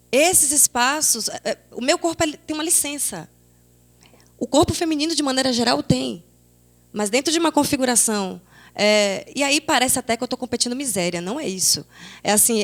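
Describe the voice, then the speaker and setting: A young woman in her twenties speaks with a Bahian accent, her voice sitting a little high. She talks as a panel guest, reflective and searching, circling back and restarting as she works through her thoughts. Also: a bit bright. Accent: Bahian Brazilian Portuguese. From Salvador, Bahia, Brazil. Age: 20s. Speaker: panelist, theatre critic.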